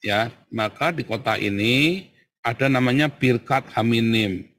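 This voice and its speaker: A man's voice: mid-range voice, a little slow, fairly bright tone. A middle-aged man, a pastor giving a conversational sermon-style Bible lesson, tagging his sentences with "ya". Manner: conversational, frequent "ya" tag questions.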